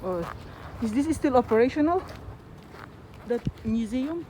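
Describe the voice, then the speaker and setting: A woman's voice: a little high, lively intonation, a little slow, dark tone. A woman chatting casually on a walk, curious, with short questions and remarks to her companion. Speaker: companion on a walking tour. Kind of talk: casual chat, asking questions. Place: outdoors, walking around a campus. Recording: noisy outdoor recording while walking.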